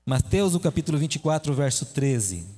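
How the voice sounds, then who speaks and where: A man preaches to a congregation with a fairly high voice, chatty and full of questions to the room. Long reverb from the church hall trails each phrase. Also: big pitch swings, moderate pace, dark tone. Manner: conversational, asks the audience questions. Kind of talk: sermon.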